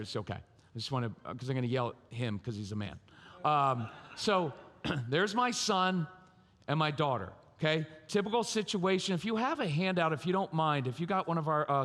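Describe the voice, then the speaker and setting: A man giving a live talk to a conference crowd, lively and joking as he speaks straight to them. His voice sits fairly high for a man and rings through a large, reverberant hall from a stage microphone. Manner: lively, humorous, addresses audience directly.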